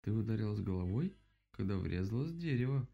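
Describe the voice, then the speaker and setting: A man voicing a calm, matter-of-fact female bear. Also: lowish voice, a little fast, creaky, lo-fi sound, exaggerated voice.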